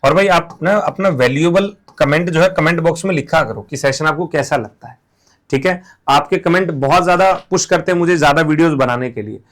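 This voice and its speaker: A male teacher with a somewhat higher voice for a man. He explains exam facts casually and turns them into playful, silly stories to help students remember. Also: a little fast, a bit bright. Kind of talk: mnemonic lesson, casual classroom talk.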